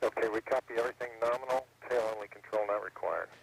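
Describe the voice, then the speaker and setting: A male astronaut giving quick, terse acknowledgements over a space-to-ground radio transmission. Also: on the low side, creaky, breathy edge, poor audio.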